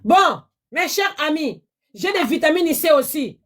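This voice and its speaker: High-voiced woman selling live. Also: sing-song, a little slow, fairly bright tone. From DR Congo. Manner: pleading, repetitive, chatty. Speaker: live-stream seller. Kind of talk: live-stream sales pitch.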